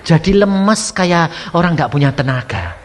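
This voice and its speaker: A man's voice: a little high, lively intonation, measured pace, slight background noise. Man playing a hulking criminal, baffled, plain voice. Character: hulking brutal male criminal, now baffled.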